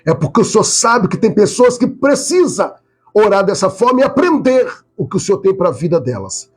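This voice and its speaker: A male pastor leading a live prayer, pleading fervently, with loud high cries and quiet murmurs in between. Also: very animated, fairly quick, husky.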